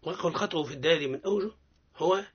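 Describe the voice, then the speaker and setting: A man with a Tunisian accent teaching Quran recitation on the radio. He explains step by step and models sounds slowly for listeners to repeat. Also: on the high side, husky. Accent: Tunisian Arabic. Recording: dull lo-fi radio recording.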